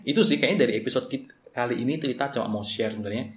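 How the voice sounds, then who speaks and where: A man's voice: medium pitch, very fast, a crowd in the background. A man from Semarang with a Central Javanese accent, co-hosting a podcast in casual chat and mixing in English phrases. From Semarang, Central Java. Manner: code-switches Indonesian, Javanese and English. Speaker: podcast co-host. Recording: echoey room.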